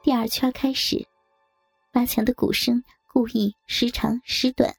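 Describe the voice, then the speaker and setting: A woman narrating a first-person story in a steady, matter-of-fact reading. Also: a little high, a little slow, vocal fry, slightly rough, faint music behind.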